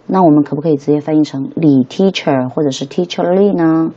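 A woman's voice: deep voice, a little fast, warm tone, muffled recording. A young woman teaching an English lesson in a casual, chatty way, often checking with her listeners.

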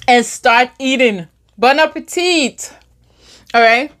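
A woman's voice: high-pitched, takes it slowly, a bit bright, a little hiss or hum. A middle-aged woman from Liberia, chatting casually to camera at her table at home while she eats. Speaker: vlogger. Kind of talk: casual mukbang chat to camera.

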